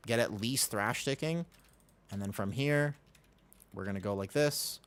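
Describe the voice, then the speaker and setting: Slangy, excitable male game streamer. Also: fairly low pitch, a little slow. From Texas, United States. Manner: slangy, excitable, repeats himself. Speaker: game livestreamer. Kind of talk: casual chat and gameplay commentary.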